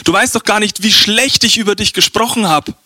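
A man voicing a frightened, bitter young prince on the run, speaking low and subdued. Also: fairly quick, pushed and bright, dry recording, studio quality, full character voice. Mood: stunned. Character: frightened, bitter young male royal fugitive.

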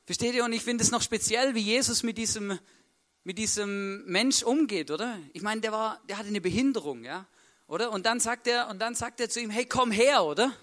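Brisk and high-pitched with a slightly bright sound, this man preaches a sermon built around a retold story. He speaks casually, performs the voices of the story's characters, and keeps adding a questioning "right?"

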